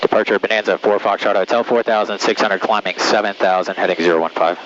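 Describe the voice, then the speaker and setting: A man's voice: lowish voice, fairly even intonation, fast, fairly bright tone, dull audio. A male pilot making clipped radio calls through his headset in a small plane's cockpit. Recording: engine drone in a noisy cockpit.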